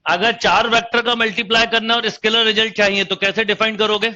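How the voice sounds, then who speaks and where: A man's voice: high-pitched, flat delivery, a little fast, sharp tone, dull audio. A man teaching a math lesson online, explaining step by step and quizzing his students as he goes. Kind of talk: online exam-prep lecture.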